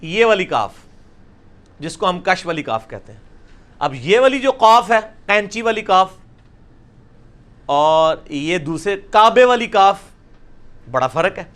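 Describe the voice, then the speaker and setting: A man's voice: high-pitched, very animated, pauses often, a bit bright. A man teaching Quran recitation in a classroom lecture at a blackboard, explaining patiently and often checking in with his listeners.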